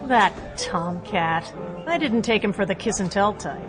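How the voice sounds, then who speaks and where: Flirty, confident woman agent, played by an actress, mid-pitched, playful teasing, audio drama with prominent music. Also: measured pace, natural voice. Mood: flirtatious. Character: flirtatious, breezy, self-assured female agent.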